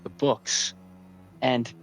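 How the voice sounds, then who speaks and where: The poor-quality audio, with faint music behind it, captures a man serving as dungeon master in a tabletop role-playing game. He describes each scene deliberately, with pauses between his phrases.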